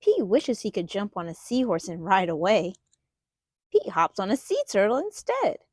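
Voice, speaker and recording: A woman's voice: mid-range voice, sing-song, moderate pace, a little mellow, slightly rough, dry recording, clean studio sound. A woman hosting a children's storytime, reading a picture book aloud expressively and putting questions to young listeners. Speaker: children's storytime host and reader.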